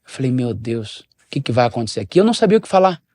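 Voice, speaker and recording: Here a Brazilian pastor of middle age talks fast as he tells a story from his life in a podcast interview. Animated throughout, he acts out what people said and changes his pitch and volume, with no echo in the audio.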